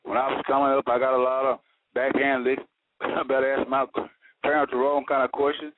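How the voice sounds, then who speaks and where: A man's voice: medium pitch, little pitch movement, fairly quick. Man on a tinny, static phone line. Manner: folksy, earnest, preacherly, uses homespun sayings. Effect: heard over the phone. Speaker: radio call-in caller. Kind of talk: casual call-in talk.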